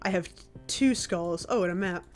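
A woman streamer giving casual, chatty commentary while she plays a game, reacting with quick exclamations. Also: on the low side, faint music behind.

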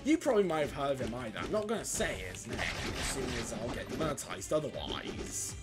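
A let's play gamer gives casual gameplay commentary at a brisk pace and medium pitch, animated and joking as he talks back at the enemies on screen. Game music plays in the background.

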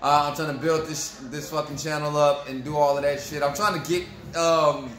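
This young man's voice is a little high and a bit bright, with fairly even intonation and a moderate pace, captured with a roomy sound. Indoors at home before a camera, he delivers a frustrated, profane post-game fan rant to his vlog viewers.

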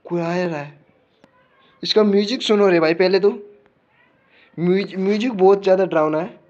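Man, high voice, panicky horror game commentary, dull lo-fi mic. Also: normal speed, darkish tone. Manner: jumpy, panicky, talking to himself. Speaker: gamer.

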